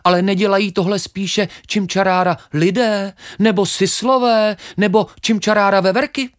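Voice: medium pitch, fairly even intonation, voice pushed up, natural voice. A reader voicing a small, boastful male sparrow in a children's story, who chirps a nonsense refrain and repeats himself. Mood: chirpy.

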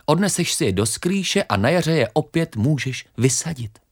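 A reader voicing a small, patient, wise grain of wheat in a children's story, talking calmly and reasoning gently. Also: mid-range voice, slightly rough, voice pushed up. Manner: calm, reasoning, gently coaxing.

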